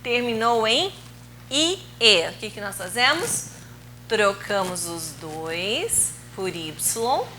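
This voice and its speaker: A woman teaching English in a recorded video lesson, explaining rules slowly and patiently, drawing out key words, with Portuguese as her first language. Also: mid-range voice, very animated, bright, forceful tone, a little hiss or hum, low-quality recording.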